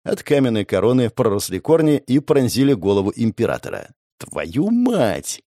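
Expressive male audiobook narrator. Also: medium pitch, a little fast, no echo, clean studio sound. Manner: animated, expressive storytelling. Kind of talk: scripted first-person fantasy narration.

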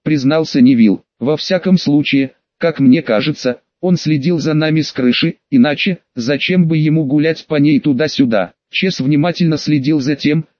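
Male audiobook narrator, wry first-person storyteller, slightly higher voice; muffled, dry sound. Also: normal speed, few pauses, darkish tone, no echo.

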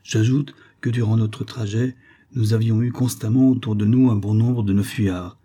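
A man reading an audiobook aloud, telling a first-person adventure with expressive, dramatic swells. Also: lowish voice, moderate pace. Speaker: audiobook narrator. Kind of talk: scripted audiobook narration.

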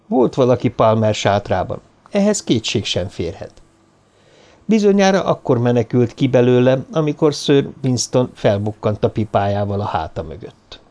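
A man narrating a novel as an audiobook, reading in a measured, expressive way. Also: mid-range voice. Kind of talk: scripted narration.

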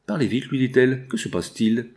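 Un homme lisant à voix haute et prêtant sa voix à une jeune femme douce et émue. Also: male voice, mid-range voice, fairly quick, a little mellow, lightly acted. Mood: ému.

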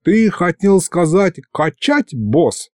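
A man's voice: high voice, sing-song, takes it slowly, no echo, studio quality, voice pushed up, heavily acted. A man voicing a cheeky male imp sidekick in an audiobook, talking in slangy, wheedling tones.

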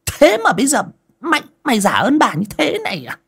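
A spiteful young mistress with a sour, shrill voice, pitched very high and swinging wildly as she berates a servant. The tone is husky and lively throughout this storybook telling. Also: brisk, heavily acted. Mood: shrill scolding. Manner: scolding, threatening, swaggering. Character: shrill cruel young mistress, wife of master. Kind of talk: audio folk story narration.

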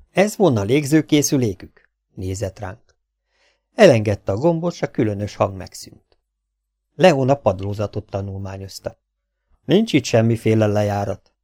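A man's voice: dark tone, no room sound, studio quality. A man reading a science fiction novel aloud as an audiobook, raising his voice for the characters' lines and dropping it for the narration. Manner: reads dialogue with lifted pitch, drops for narration tags. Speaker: audiobook reader. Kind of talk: scripted narration.

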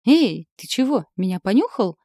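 A woman's voice: medium pitch, big pitch swings, normal speed, dark tone, dry recording, studio quality, pitched above the performer's own voice. A woman voicing a hot-tempered young heroine who snaps back with defiance. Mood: indignant. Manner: snappy, defiant.

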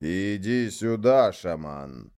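A man voicing a giant male lord of the underworld, wrathful and scornful, who growls and thunders slowly in a storybook reading. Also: sits low, animated, darkish tone, voice pushed down.

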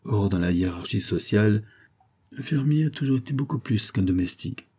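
A man reading a classic novel aloud as an audiobook narrator, in a measured storytelling manner. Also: lowish voice, animated, mellow, breathy edge.

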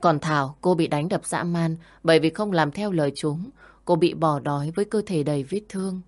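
A woman reading a story aloud in a steady, scripted narration. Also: sits low, fairly quick.

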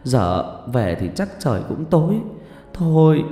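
A man's voice: a little high, very animated, a little slow, dark tone, pitched above the performer's own voice. A man voicing a grieving rich old woman who wails and scolds, with a raised, strained voice. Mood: tearful. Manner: wailing, scolding. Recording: echoey hall with faint music.

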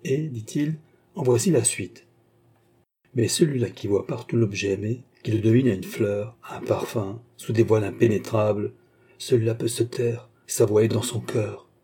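A man's voice: lowish voice, moderate pace, dark tone, slightly rough. A man reading the part of an aristocratic churchman who speaks fervently and hesitantly. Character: ardent, bewildered aristocratic churchman, middle-aged.

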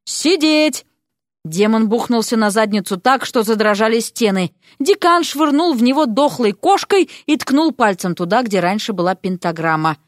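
A woman narrating a fantasy story in an expressive, lively reading. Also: a little high, normal speed, hardly any pauses, no echo, studio quality. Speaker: audiobook narrator.

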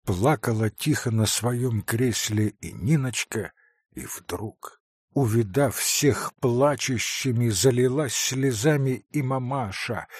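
A man narrates a classic novel slowly and expressively, his husky voice rising and falling widely. The recording is dry and close, with no room sound. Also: mid-range voice, no echo. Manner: dramatic, expressive reading. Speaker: audiobook narrator.

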